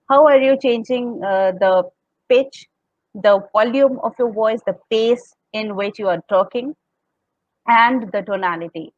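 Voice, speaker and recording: A woman's voice: on the high side, no echo, highs cut off. A woman with an Indian accent, teaching a talk on public speaking. She explains step by step and acts out tones as examples. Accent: Indian English. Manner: explains step by step, demonstrates tones and laughs often.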